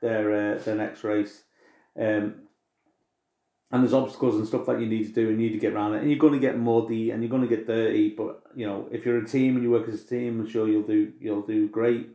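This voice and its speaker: A man's voice: lowish voice, little pitch movement, fairly quick, dark tone. Chatty English man in an echoey room. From England. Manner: chatty, informal, swears casually. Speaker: podcast co-host. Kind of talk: casual chat.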